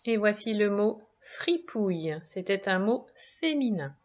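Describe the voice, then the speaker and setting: A woman's voice: medium pitch, very animated, unhurried. A woman teacher giving a spelling dictation lesson to young children, breaking words into syllables, careful and encouraging. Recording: dull lo-fi sound.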